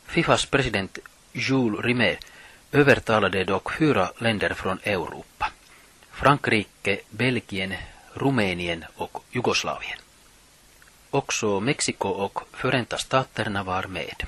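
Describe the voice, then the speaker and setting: Low husky radio man. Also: a bit bright. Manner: reads from notes, measured and plain. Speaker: radio presenter. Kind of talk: scripted radio presenting.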